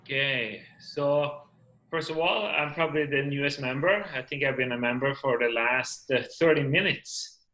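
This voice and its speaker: A man's voice: medium pitch, normal speed, sharp tone, low-quality recording. Hesitant man on a call. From Norway. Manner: hesitant, many fillers and restarts. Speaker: meeting participant introducing himself. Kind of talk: casual self-introduction on a video call. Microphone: video call.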